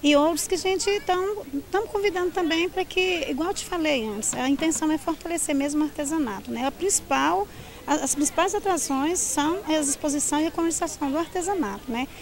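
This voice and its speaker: A woman's voice: high voice, fast talker. A woman in her forties, a fair organizer, answering a street interview at night into a handheld mic, talking conversationally with frequent tag questions. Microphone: handheld reporter mic.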